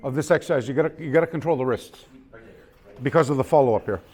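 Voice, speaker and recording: A man teaching a hands-on martial arts class in a dojo, coaching students with quick commands and laughter. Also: medium pitch, darkish tone. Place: dojo hall.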